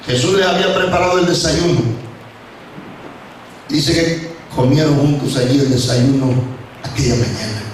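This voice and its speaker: A man's voice: a little high, normal speed, long pauses, slight background noise. A male pastor preaching a sermon with dramatic storytelling and acted quotes, heard from far off in an echoey hall.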